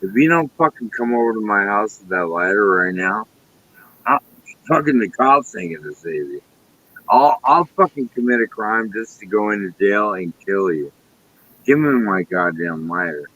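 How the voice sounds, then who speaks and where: Man, casual live-stream chat, profane, agitated, very animated pitch. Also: normal speed, low-quality recording. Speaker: guest running a friend's live stream.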